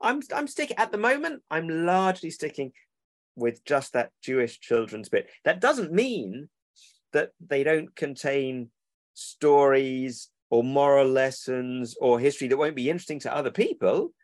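A man's voice: medium pitch, sing-song, a little slow, no room sound. A man, a children's book publisher who rambles and corrects himself in a casual interview over a remote call.

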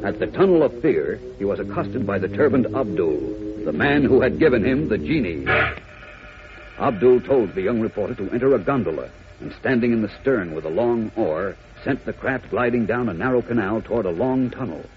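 A man's voice: on the low side, animated, normal speed, a little hiss or hum. Dramatic vintage radio announcer, a man. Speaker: announcer, narrator. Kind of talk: 1940s radio scripted narration. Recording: dull old radio recording with music.

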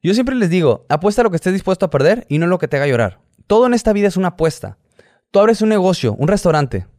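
A man's voice: high voice, very animated, quick pace, a little mellow, no room sound, clean studio sound. A Mexican man, a podcast guest, talking casually and rambling, often losing his thread. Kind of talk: casual chat.

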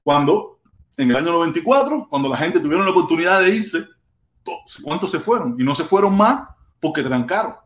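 A Cuban man hosts a live stream from his home, reading viewer comments and talking through them casually. His voice sits a bit high for a man. He repeats phrases over and over, and the room gives his voice a roomy echo. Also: sing-song, brisk. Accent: Cuban Spanish. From Cuba.

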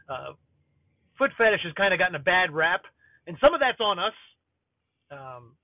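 Tinny high-voiced man, casual podcast monologue. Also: no room sound. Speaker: podcast host. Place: inside a car. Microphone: built-in car Bluetooth microphone. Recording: tinny, phone-like car Bluetooth audio.

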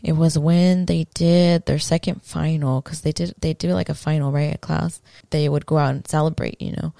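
A woman's voice: low-pitched, steady tone, normal speed, creaky, dark tone, no room sound, clean studio sound. A woman guest on a podcast telling a personal story in a casual, frank way, full of slang and swearing. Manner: slangy and frank, swears freely, fillers like "bro".

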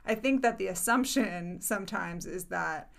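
A woman in casual debate, hedging often, filling with "like," and letting sentences trail off softly. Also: medium pitch, moderate pace, gravelly.

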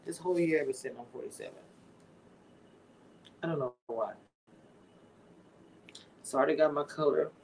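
A woman's voice: sits low, vocal fry, darkish tone, slight background noise, poor audio. A woman in her forties chatting casually with viewers on a livestream, drawing out her words. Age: 40s. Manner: chatty, drawn-out, talks to viewers. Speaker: livestream host.

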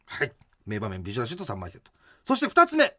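A man's voice: mid-range voice, wildly swooping pitch, rapid-fire, bright, forceful tone. A man co-hosting a comedy radio show, bantering theatrically with bursts of mock outrage. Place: radio studio.

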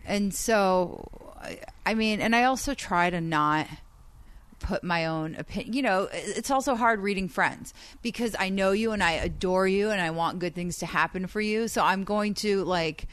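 A woman from Iran, a guest on a podcast, talking casually in a soft, hesitant way with many restarts. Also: medium pitch, normal speed, clear, resonant tone. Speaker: podcast guest, comedian and psychic reader.

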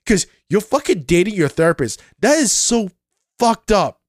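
A man's voice: sits high, big pitch swings, normal speed, no echo, clean studio sound. A man co-hosting a podcast, venting with exasperation and swearing. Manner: exasperated, swears, agrees along. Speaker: podcast co-host. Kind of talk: casual podcast chat.

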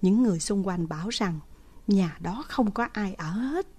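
A woman's voice: medium pitch, animated, moderate pace, dark tone, slightly rough. Woman narrating ghost stories. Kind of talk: scripted horror story narration.

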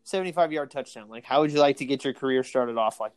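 A man co-hosting a casual sports podcast, excitable and laughing often, tired from an early morning. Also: medium pitch, fast, clean tone, no echo. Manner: excitable, laughs often, acts out quoted exchanges. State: tired, yawning. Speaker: podcast co-host.

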